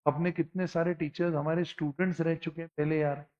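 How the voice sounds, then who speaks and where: A middle-aged man lectures his class in a lively, joking way, calling his students "beta". His voice sits fairly high. The recording sounds dull and lo-fi. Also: fairly quick. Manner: animated, jokey, addresses students as beta. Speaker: teacher.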